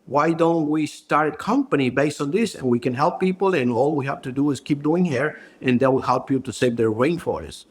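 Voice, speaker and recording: A man from Ecuador, a brand co-founder and hairstylist, speaks in a podcast interview with a slightly high voice. He talks haltingly, searching for words.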